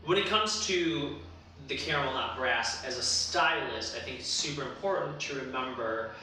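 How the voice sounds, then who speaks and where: Very bright-voiced man in an echoey room. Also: medium pitch, normal speed. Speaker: hairstylist and show panelist. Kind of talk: casual advice chat. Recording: very echoey room, distant mic, faint noise.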